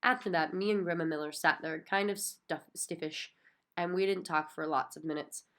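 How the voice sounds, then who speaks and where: Female reader, children's book, expressive storyteller, lower register. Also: normal speed. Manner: expressive, childlike first-person narration. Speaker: audiobook reader. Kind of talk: reading a children's book aloud.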